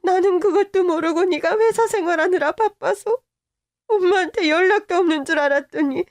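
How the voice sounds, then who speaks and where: A woman's voice: very high voice, moderate pace, no echo. A woman playing an indignant, tearful mother. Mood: shocked. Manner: exclaiming, tearful outbursts. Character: distraught middle-aged mother, protective and indignant. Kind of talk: dramatized story reading.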